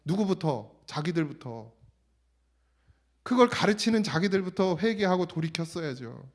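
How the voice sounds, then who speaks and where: A middle-aged man preaching a conversational sermon in a church, sometimes quoting God in a lowered voice. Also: lively intonation, moderate pace. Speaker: pastor. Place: church sanctuary.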